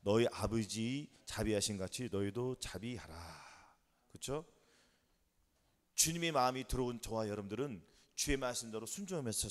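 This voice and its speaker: A man's voice: medium pitch, in a large hall. A man preaching a sermon as pastor in a church. He keeps quizzing the congregation with either-or questions and waits for their answers. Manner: call-and-response questions to the congregation. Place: church sanctuary.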